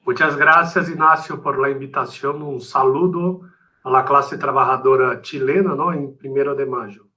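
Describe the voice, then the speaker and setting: A Brazilian man, a native Portuguese speaker, speaking portuñol, a halting mix of Spanish and Portuguese with frequent tag questions, as an interview guest explaining things. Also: medium pitch, fairly even intonation, pushed and bright.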